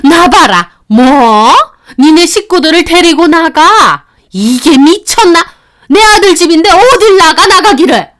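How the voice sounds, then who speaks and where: Woman playing a shrill domineering mother-in-law. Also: expressive, takes it slowly, hardly any pauses. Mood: furious. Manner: scornful, shouting, bossy.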